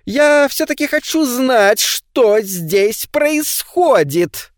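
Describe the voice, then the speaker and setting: Guy reading doing a screechy bossy neighbor in an audiobook, high pitched, dry close sound. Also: lively intonation, very slow, no room sound, exaggerated voice. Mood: self-important. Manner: demanding, accusing. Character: shrill, pushy male neighbor stirring up a crowd.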